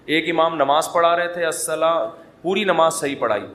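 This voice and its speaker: Male preacher, higher pitch, chatty humorous delivery, echoey room. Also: a bit bright. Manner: conversational, humorous, mimics chanting. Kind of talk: sermon.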